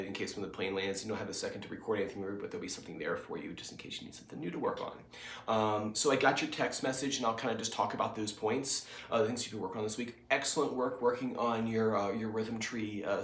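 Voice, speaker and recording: Congested from a cold, a man teaches guitar in his home music studio, rambling loosely through filler-heavy explanations in a casual recorded lesson. His voice is fairly low and a bit bright, and the sound is reverberant.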